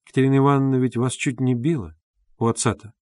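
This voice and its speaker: A man reading the part of a brooding young man who speaks curtly and low in an audiobook. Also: fairly even intonation, fast, a little mellow, no echo, studio quality, close to an everyday voice. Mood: probing.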